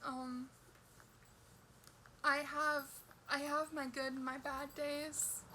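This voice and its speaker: A woman vlogger speaking personally and confessionally in a halting, downcast way. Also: high voice, level tone, pushed and bright, a little hiss or hum, poor audio. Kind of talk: personal, confessional vlog talk.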